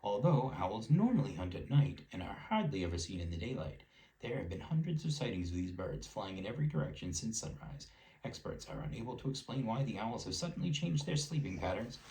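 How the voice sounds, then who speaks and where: A man's voice: on the low side, very animated, mellow, echoey room, distant mic, rough recording. Man reading as a formal TV newsreader. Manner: formal, measured.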